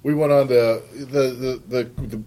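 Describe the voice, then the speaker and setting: A man co-hosting a casual podcast, animated and acting out what others said. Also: medium pitch, unhurried. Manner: animated, acts out quotes. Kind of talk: casual chat.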